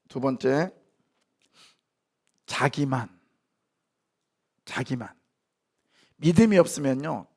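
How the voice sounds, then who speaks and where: A man preaching a sermon in a church, lively, asking the congregation questions and answering them himself, now and then acting out short lines. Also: mid-range voice, vocal fry. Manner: acts out short quoted lines in sharp voices. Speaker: pastor. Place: church sanctuary.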